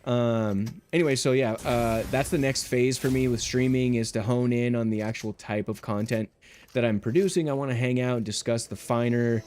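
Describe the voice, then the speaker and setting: A laid-back man chats with his stream audience while he plays, in a rambling way full of ums and uhs. His voice sits in a middle pitch and comes through a livestream headset mic with a faint hiss behind it. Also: steady tone, normal speed, darkish tone. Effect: livestream headset mic audio. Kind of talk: casual gameplay chat with viewers.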